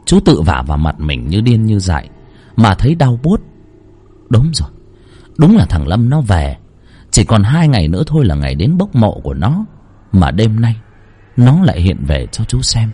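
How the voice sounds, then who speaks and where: A man's voice: lowish voice, huge pitch swings, normal speed, long pauses, husky. A man reading a scripted horror story aloud with dramatic expression. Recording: faint background music. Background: soft music.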